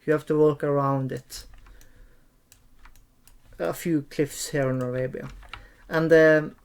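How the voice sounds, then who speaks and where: A streamer giving an unscripted, hesitant gameplay tutorial, often pausing and repeating phrases. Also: mid-range voice, fairly even intonation, creaky, a little hiss or hum. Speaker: streamer and game tutorial host.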